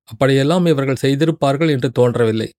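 A stern fort commander, as a male narrator puts him on, barking at his guards and then coaxing in a measured, authoritative audiobook voice. Mid-pitched, with a close, dry sound. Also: no room sound, natural voice. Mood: commanding. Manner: commanding, alternating between scolding and calm. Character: stern middle-aged male fort commander, quick-tempered yet coaxing.

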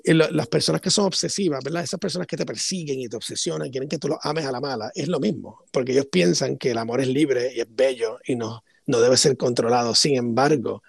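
A man's voice: mid-range voice, a little fast, gravelly, hardly any pauses, husky, no room sound, clean studio sound. A man co-hosting a podcast, reasoning through ideas in long, reflective casual talk. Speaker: podcast co-host. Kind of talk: casual philosophical discussion.

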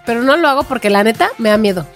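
A woman's voice: a little high, lively intonation, very fast, over loud music. A woman with a Mexican accent, co-hosting a casual podcast chat and speaking emphatically, with slang and exaggeration. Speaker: podcast co-host.

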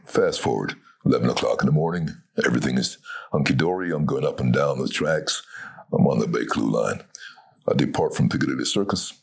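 Very deep gravelly man telling stories. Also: fairly quick. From Barbados. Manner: animated, acts out the voices of people in his story. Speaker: guest, voice actor. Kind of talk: storytelling in conversation.

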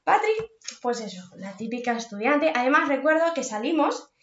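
A young woman, co-hosting a podcast, chatty and lively as she tells stories, swearing casually. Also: high voice, normal speed. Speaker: podcast co-host. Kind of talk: casual chat among friends. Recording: echoey room, dull lo-fi sound, faint hiss.

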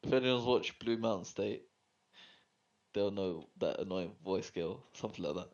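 A man's voice: lowish voice, normal speed, a little mellow. A young man co-hosting a casual podcast chat, laid-back and reluctant, giving short replies. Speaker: podcast co-host. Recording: dull lo-fi sound.

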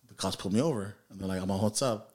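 A man from telling stories in a casual podcast chat, swearing a lot and acting out quotes in a higher voice. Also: very fast, a little mellow.

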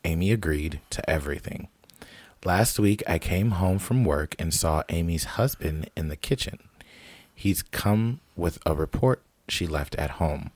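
A man's voice: low voice, lively intonation, unhurried, a little mellow, dry recording. A man co-hosting a casual podcast, chatting with laughs and reading online stories aloud in a laid-back way. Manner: laid-back, laughing, drag-queen banter. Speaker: podcast co-host.

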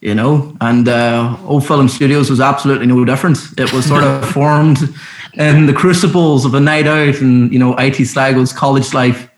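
A man's voice: medium pitch, fairly even intonation, moderate pace, a little hiss or hum. Young Irish man in an echoey room. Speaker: podcast guest, film studio co-founder. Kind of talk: casual interview chat. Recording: roomy, echoing sound.

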